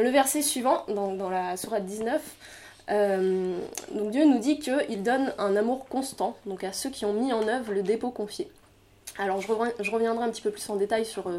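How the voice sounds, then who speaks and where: A woman's voice: mid-range voice, a little mellow, slight background noise. Woman lecturing with many hesitations. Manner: thinking aloud with many fillers and restarts; explanatory, laughs lightly at own remarks. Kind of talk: lecture on Quranic mysticism.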